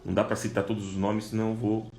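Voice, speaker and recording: A man's voice: fairly low pitch, flat delivery, fast talker, gravelly, a little mellow, roomy sound, a little hiss or hum. A man preaching a live-streamed sermon, reading viewers' comments aloud and then reading scripture with rising emphasis.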